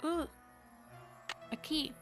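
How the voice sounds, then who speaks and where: A woman's voice: drawn-out words, music in the background. A woman streaming a video game, chatting casually and making self-mocking asides while she reads in-game letters aloud. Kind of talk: casual let's play commentary.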